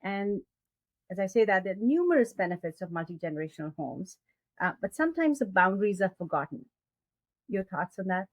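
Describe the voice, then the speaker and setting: A woman's voice: medium pitch, big pitch swings, fairly quick, no echo, rough recording. A woman hosts the conversation, chiming in with brief agreement before asking her next question. Her voice is recorded close and dry, with no room sound around it. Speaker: interview host. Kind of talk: interview questions.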